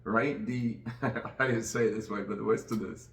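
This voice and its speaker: A middle-aged Nigerian man hosts a casual podcast conversation, speaking earnestly and rambling with many restarts. His voice is fairly low and fairly bright, with fairly even intonation at a normal speed. The recording sounds roomy and distant from the mic, with slight background noise.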